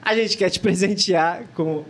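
A man hosts a relaxed podcast and chats casually with his guest. His voice is on the high side for a man. He laughs easily and throws in short slangy reactions. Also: slight background noise. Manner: laughs often, reacts with quick slangy interjections. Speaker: podcast host.

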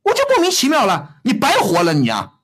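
A middle-aged man scolds his caller on an advice show, firing off one blunt question after another. His voice is husky and swings widely in pitch. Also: huge pitch swings, brisk, fairly bright tone. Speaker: radio advice host.

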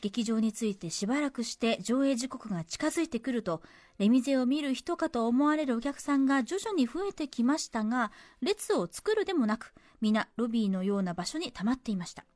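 A woman co-hosting a radio show, reading a letter aloud and then chatting, expressive and quick to laugh. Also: fairly high pitch, no echo. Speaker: radio co-host reading listener mail.

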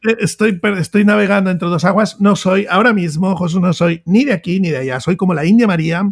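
A man from Mexico with a Mexican Spanish accent softened by years in Spain, chatting playfully as co-host. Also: sits high, fast talker, dry recording, clean studio sound. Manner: animated, playful, mimics accents. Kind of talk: casual chat.

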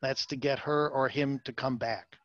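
A man's voice: medium pitch, steady tone, moderate pace, a bit bright, no room sound, lo-fi sound. A man being interviewed as a salon marketing consultant, talking emphatically with many fillers and repeated words. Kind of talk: interview, advice talk.

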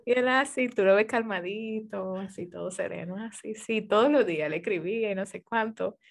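A woman's voice: medium pitch, moderate pace, creaky. A woman guesting on a casual podcast, telling a story with lots of animation and frequent laughter.

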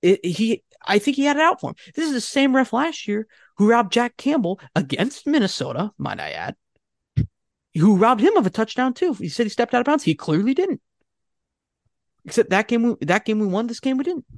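A man co-hosting a casual sports podcast, ranting with a fan's exasperation and talking in quick bursts full of fillers. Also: very high voice, creaky, no echo, studio quality. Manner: animated, exasperated fan ranting.

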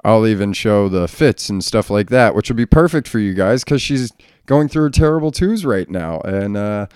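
A man's voice: on the low side, animated, moderate pace, a little mellow, clear, resonant tone, no echo, clean studio sound. A man hosting a casual solo podcast, a father talking in a blunt, profane, ranting way. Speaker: podcast host.

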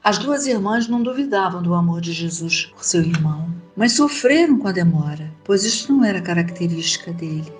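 A woman reads a Gospel passage and leads a spoken prayer in a slow, reverent, prayerful way. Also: mid-range voice. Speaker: devotional reader and prayer leader. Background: soft new-age music.

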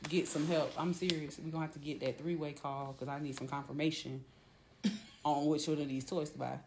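A woman's voice: sits low, steady tone, fairly quick, a little mellow, slight background noise. A woman co-hosting a casual podcast chat, dramatic and giggly, prone to exclamations. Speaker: podcast co-host.

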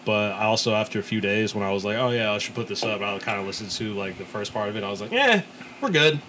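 A man's voice: fairly low pitch, animated, fast, background noise. A young man hosting a podcast in casual, profane frat-bro slang. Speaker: podcast host. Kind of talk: casual profane sports chat.

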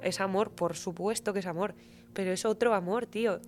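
Animated, emotional young-sounding woman guest. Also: mid-range voice, brisk, soft background music. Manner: animated, emotional, slangy, often says "tío". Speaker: podcast guest. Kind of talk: casual conversation.

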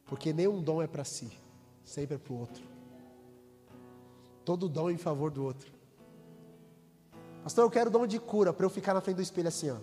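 A pastor with a notably high voice preaches to his congregation, slipping into the voices of the people in his stories. His words ring out in a long-echoing church hall. A guitar plays faintly underneath. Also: a little fast, long pauses, mellow. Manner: preaches with rising intensity, acts out quoted dialogue. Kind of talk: sermon.

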